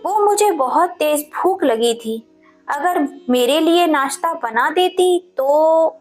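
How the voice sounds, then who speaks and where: Woman doing a gentle elderly mother, high voice. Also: lively intonation, takes it slowly, faint music behind.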